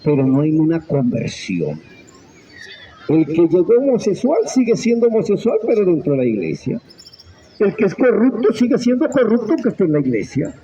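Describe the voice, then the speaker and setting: A man's voice: high voice, big pitch swings, normal speed, mellow, highs cut off. A middle-aged man preaching a sermon with fervent, swooping delivery that rises and drops sharply. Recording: faint background noise.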